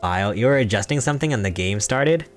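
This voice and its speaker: A young male streamer with a low voice chats loosely with his viewers while gaming at home. He giggles often and rambles, slipping into playful mock-serious denials. Game music plays steadily behind him. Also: animated, fast talker. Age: young adult. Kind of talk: casual live-stream chat while gaming.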